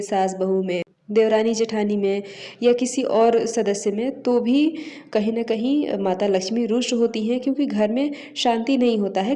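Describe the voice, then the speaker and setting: A woman's voice: on the high side, dark tone. A woman vlogger giving household advice to her viewers in a casual, instructive way, calling them friends.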